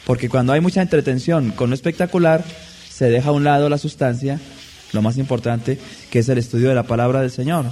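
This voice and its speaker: A man preaching a sermon in a measured, deliberate way, stressing key words. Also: mid-range voice, warm tone, slight background noise.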